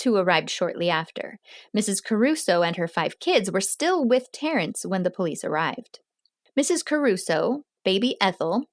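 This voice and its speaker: A woman hosting a podcast, reading a true crime story in a measured, steady way. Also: medium pitch, dry recording, studio quality. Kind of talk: scripted true crime narration.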